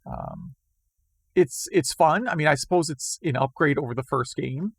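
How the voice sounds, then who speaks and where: A man co-hosting a casual retro gaming podcast chat, rambling and self-deprecating, his voice going hoarse. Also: a little high, sing-song, normal speed, dry recording. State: losing his voice. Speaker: podcast co-host.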